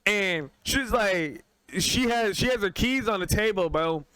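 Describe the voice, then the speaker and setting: A young man co-hosting a podcast, telling a story in a casual, slangy, animated way. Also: sits high, unhurried, smooth, dry recording. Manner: animated, slangy, voice jumps up when excited. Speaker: podcast co-host.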